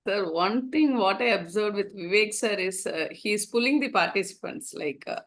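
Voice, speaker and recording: A woman with an Indian accent offering suggestions in an online training session, halting and repeating her phrases. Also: medium pitch, a bit bright. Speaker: training participant.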